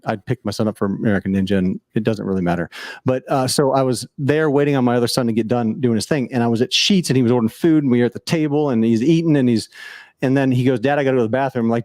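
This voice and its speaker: A man's voice: medium pitch, darkish tone, no echo, studio quality. A man telling a personal story on a casual podcast, earnest and rambling, with frequent restarts.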